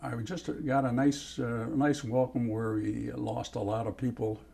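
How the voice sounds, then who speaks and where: An elderly man, a war veteran, recalling in a halting oral history interview, often pausing to search for names and places. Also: medium pitch, flat delivery, gravelly, dark tone, husky. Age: older. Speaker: World War Two veteran.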